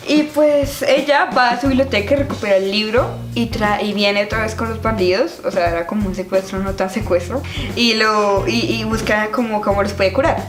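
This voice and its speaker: A young woman talks through a favorite children's book in a lively, giggly vlog manner. Her voice sits in a middle range and rings off a roomy space, with music running underneath. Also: mid-range voice. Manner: animated, chatty, giggly. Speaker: vlogger reviewing a children's book. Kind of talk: casual book-review vlog. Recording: echoey room with background music.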